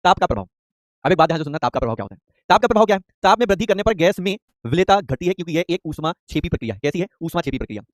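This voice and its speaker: A man with a fairly high voice delivers a chemistry lesson at breakneck speed. He repeats terms again and again and keeps firing quick questions at his students. The sound is dry and close, with no room echo. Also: sing-song. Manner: rapid, repetitive, quizzing students with call-and-response questions. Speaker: chemistry teacher. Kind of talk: live online class lecture.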